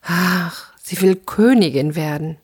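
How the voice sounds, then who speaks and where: A woman's voice: on the low side, takes it slowly, a little mellow, breathy edge, exaggerated voice. A woman voicing a poor, meek fisherman in a fairy tale, worried and reluctant, chanting his rhyme in a sing-song. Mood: fretful.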